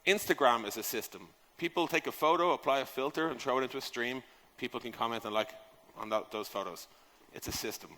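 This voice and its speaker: Brisk and sharp, this medium-pitched man delivers an informal conference talk on software product design from the stage of a large hall. He's emphatic yet conversational, leaning on rhetorical questions and casual swearing. The recording sounds echoey, with long reverb.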